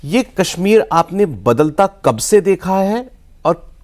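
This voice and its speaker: A male TV news anchor with a somewhat high voice and a lively, swinging intonation. He sets up the discussion and questions his guest animatedly, mixing English words into his talk. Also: slow pace. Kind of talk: hosting a TV discussion.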